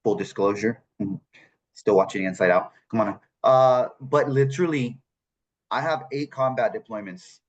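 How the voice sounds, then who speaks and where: A man's voice: mid-range voice, normal speed, dull audio. A man in his forties, a veteran speaking on a panel, candid and joking about his own experience. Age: 40s. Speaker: veteran peer support panelist. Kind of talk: casual panel talk.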